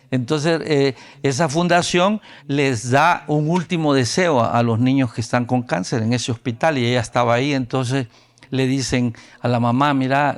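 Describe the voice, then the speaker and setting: Honduran man preaching, acting out voices. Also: mid-range voice. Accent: Honduran Spanish. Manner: animated, acts out quoted voices. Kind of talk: storytelling sermon. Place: church youth camp.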